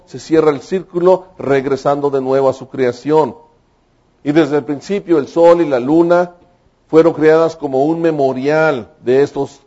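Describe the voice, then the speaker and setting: A man with a mellow, somewhat high voice preaches a sermon emphatically, building up to fervent exclamations. The recording is dull and lo-fi.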